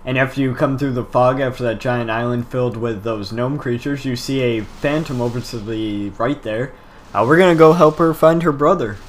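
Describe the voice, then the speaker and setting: A man's voice: medium pitch, normal speed, a little hiss or hum. A young man giving casual game walkthrough commentary, laid-back and swearing freely as he explains the route.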